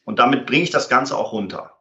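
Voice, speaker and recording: A man talks about conflict resolution as a guest in an interview, filling his speech with fillers and performing sample dialogues. He speaks a little fast, with a mid-range voice and a bright, forceful tone, captured in a dull, roomy lo-fi recording.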